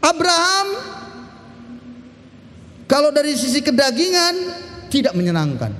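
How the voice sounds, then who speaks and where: A man pastor giving a lively sermon, shifting from sudden shouts to slow, emphatic drops. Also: extremely high pitch, in a large hall, slight background noise.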